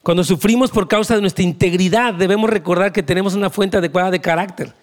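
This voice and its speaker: A man's voice: sits high, fast. A man, preaching a conversational, emphatic sermon as pastor, with asides to the congregation.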